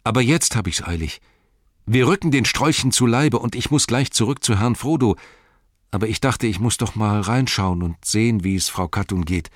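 A man's voice: fairly low pitch, moderate pace, no echo, studio quality, voice pushed up, close to an everyday voice. A man voicing an earnest, loyal young male hobbit who speaks eagerly in a lifted voice.

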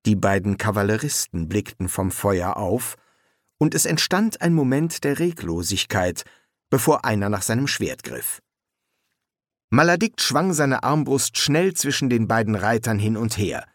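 A man's voice: on the low side, sing-song, a little slow, dry recording. A man narrating an audiobook in a dry, ironic storytelling manner. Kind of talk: scripted narration.

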